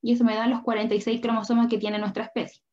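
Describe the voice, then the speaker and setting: A young woman teaches biology in a high, bright voice. She explains patiently, drawing as she goes and often asking whether her students follow. The audio sounds dull and lo-fi, like an online class recording. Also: flat delivery, racing. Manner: patient, checks understanding with frequent questions. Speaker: biology tutor.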